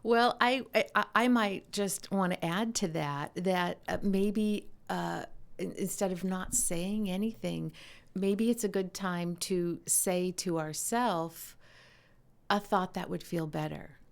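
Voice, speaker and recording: A middle-aged woman, a mother of a grown daughter, talking in a soft, passionate way that often drops to a near whisper. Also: lowish voice, slow, vocal fry. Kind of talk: casual conversation.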